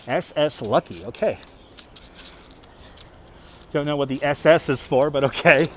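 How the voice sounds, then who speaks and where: Unhurried and on the high side, the voice belongs to a middle-aged man with a Brooklyn accent hosting a casual walking live stream. Outdoors on busy Manhattan streets, he chats, reads out and answers what viewers say, and repeats himself, with traffic and city ambience audible.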